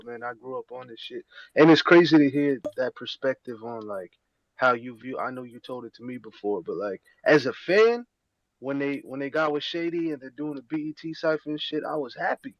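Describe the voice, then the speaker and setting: A man in a casual podcast chat who talks excitedly and quotes his own reactions. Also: mid-range voice, dry recording. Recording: dull, slightly muffled sound.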